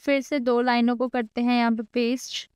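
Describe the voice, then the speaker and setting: High, clear-voiced woman teaching code. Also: flat delivery, moderate pace, darkish tone, dry recording. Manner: chatty, teasing asides to students; mixes English code terms into Hindi. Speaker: coding teacher. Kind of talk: casual screen-recorded coding lecture.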